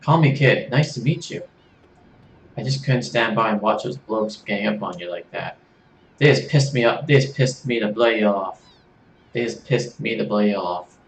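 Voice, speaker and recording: A man voicing a brash young woman fighter in a video game, with a rough put-on Australian-British accent and a slangy, cocky way of talking. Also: on the low side, moderate pace, a little hiss or hum. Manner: cocky, slangy, calls people mate. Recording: roomy room, faint game music.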